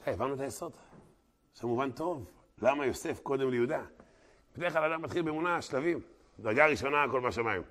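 Before a live audience in a class hall, a male rabbi with a medium-pitched voice gives a dramatic Torah lesson punctuated by loud exclamations. He then switches to brisk, auctioneer-like patter to rally donations.

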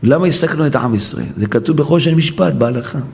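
A man preaching a sermon, retelling a story with animated, emotional delivery. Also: a little high, gravelly. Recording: echoey hall.

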